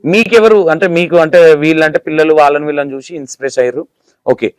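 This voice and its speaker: A man's voice: fairly high pitch, fairly even intonation, fast, clean tone, dry recording. A man with a Telangana accent conducting a casual interview, asking teasing, playful questions. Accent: Telangana Telugu.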